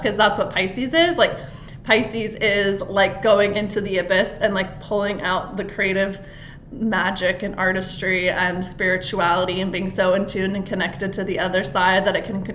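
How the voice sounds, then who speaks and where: A woman's voice: mid-range voice, a bit bright, dull audio, a little hiss or hum. Chatty woman in an echoey room. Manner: chatty, filler-heavy, giggly. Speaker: spiritual coach. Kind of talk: casual astrology talk.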